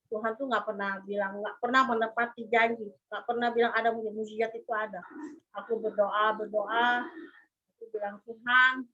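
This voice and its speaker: Woman, earnest testimony voice, bright and fairly high, lo-fi. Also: little pitch movement. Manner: earnest, repetitive, halting. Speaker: church member giving a testimony. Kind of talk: personal testimony. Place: abroad, in China. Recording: lo-fi dull sound.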